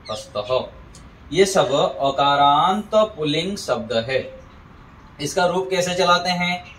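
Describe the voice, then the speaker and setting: A man teaching a Sanskrit lesson at a board, reciting word forms slowly and drawn-out. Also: fairly high pitch, fairly bright tone, roomy sound, distant mic, a little hiss or hum, rough recording.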